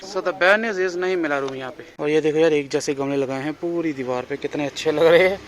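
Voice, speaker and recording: A young man narrating a casual travel vlog outdoors, chatty and excited, with a sore throat. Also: a little high, brisk, slight background noise. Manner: chatty, excited, laughs often. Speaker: travel vlogger. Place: outdoors on a hill station trip.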